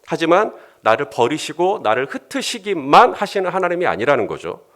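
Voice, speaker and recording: A male pastor preaching a sermon in an animated way, often acting out bits of dialogue. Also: fairly high pitch, a little fast.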